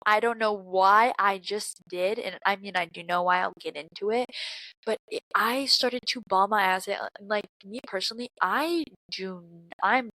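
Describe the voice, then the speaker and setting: A woman's voice: medium pitch, normal speed, sharp tone, no echo, low-quality recording. A woman in her early twenties hosting a podcast, talking candidly and profanely in a casual confessional monologue, sounding congested from crying. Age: 20s. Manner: candid and profane, frequent fillers and slang. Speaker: podcast host.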